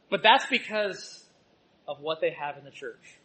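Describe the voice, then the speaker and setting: This male church teacher's sermon weaves in personal stories and swings between loud exhortation and gentle asides. He speaks slowly and expressively in a voice on the high side, over poor audio.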